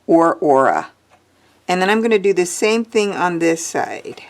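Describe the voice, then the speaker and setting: A woman's voice: on the low side, moderate pace, creaky. A woman teaching a drawing lesson, chatting and thinking aloud as she draws, with the hiccups. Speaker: art teacher.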